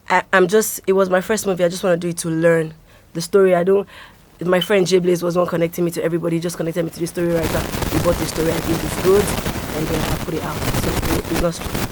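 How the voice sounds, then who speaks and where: A young adult woman with a Nigerian accent and a lowish voice talks casually as an interview guest. She tells her stories in an animated way.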